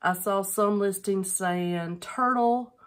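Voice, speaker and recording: A woman's voice: mid-range voice, slow. A middle-aged woman chatting casually at home on a camera mic, rambling with lots of filler ums as she shows items she has sold. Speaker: online reseller vlogger.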